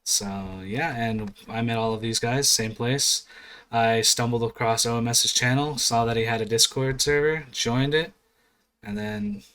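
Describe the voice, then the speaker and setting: A man's voice: medium pitch, fairly even intonation, a little slow, fairly bright tone, clear, resonant tone. A man from Florida chatting as a podcast guest, friendly and a bit hesitant. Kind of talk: casual chat.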